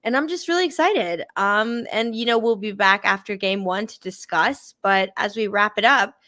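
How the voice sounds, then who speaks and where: A woman's voice: mid-range voice, moderate pace, pushed and bright, dry recording. Upbeat young woman hosting a sports stream. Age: 20s. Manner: upbeat, lots of "you know" and "like". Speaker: sports show host. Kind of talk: casual live-stream chat.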